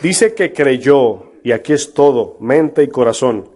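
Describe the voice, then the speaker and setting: A man's voice: medium pitch, animated, slow pace, darkish tone. Emphatic male pastor preaching. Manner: emphatic, rhetorical questions to the congregation; mocks false prophets in a put-on voice. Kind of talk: sermon.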